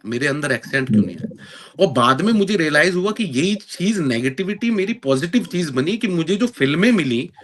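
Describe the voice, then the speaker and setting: An actor in his thirties who lives in London speaks with a somewhat high, slightly bright voice, and the recording carries a faint hiss or hum. His interview answers are earnest and full of fillers, delivered in an Indian accent with English phrases woven in.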